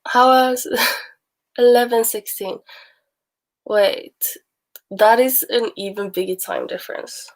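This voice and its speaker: A young Swedish streamer, sick, talks casually with viewers in a slightly high voice, speaking slowly and pausing often. She rambles and laughs frequently, and her accent mixes Swedish with bits of Texan, Australian and British English.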